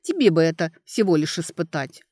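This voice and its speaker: A woman's voice: sits low, very animated, fairly quick, a little mellow, dry recording, studio quality. A woman voicing a wounded young heroine who grumbles sharply, in an audiobook. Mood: grumbling.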